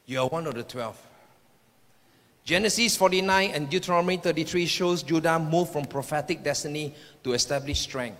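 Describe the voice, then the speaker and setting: A brisk man with a high, fairly bright voice delivers a sermon, offering personal prophetic words to the congregation. He states his points emphatically and repeats phrases, and the long reverb of an echoing hall surrounds him.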